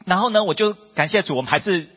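A man's voice: quick pace, husky, soft background music. Emphatic male preacher in an echoing hall. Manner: emphatic, rhetorical questions, rising to high excited peaks. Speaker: preacher giving testimony. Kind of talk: sermon testimony. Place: church hall. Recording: dull lo-fi audio with long hall reverb.

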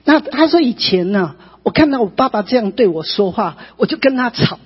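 A woman preacher telling a testimony in an animated, emphatic way, often adding tag particles. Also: fairly high pitch, a little fast, husky. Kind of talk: emotional sermon testimony. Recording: dull recording with long reverb in a hall.

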